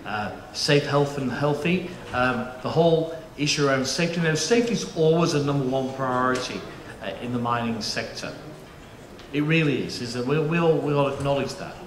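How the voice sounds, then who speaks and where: At normal speed, a middle-aged British moderator with a touch of something in his vowels addresses a conference audience in an ordinary male pitch. His style is easy and jokey, with frequent fillers and restarted sentences. Echo from the auditorium and a faint hum of room noise surround him.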